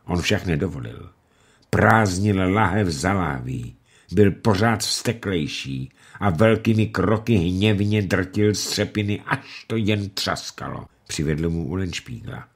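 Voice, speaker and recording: A man narrating a novel aloud for a radio reading, in an expressive, dramatic way. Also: sits low, husky.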